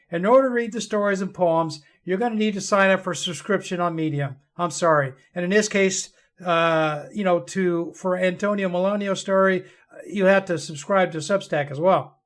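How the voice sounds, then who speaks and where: A man hosting a podcast of short stories and poetry, introducing and reading pieces as a storyteller. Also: sits high. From Ireland or Irish descent.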